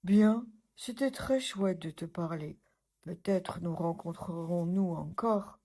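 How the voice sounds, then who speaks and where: A woman voicing a sly, menacing male wolf with a deep, gruff voice, drawn out slowly and loudly, from a children's storybook. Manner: slow, loud, looming delivery.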